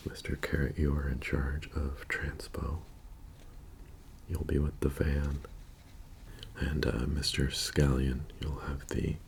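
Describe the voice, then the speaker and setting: Man playing a soft-spoken, gravelly heist planner. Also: rumbling low, slight background noise, heavily acted. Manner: unhurried, halting, matter-of-fact explaining. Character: methodical male bank heist crew planner briefing his team. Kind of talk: ASMR role-play.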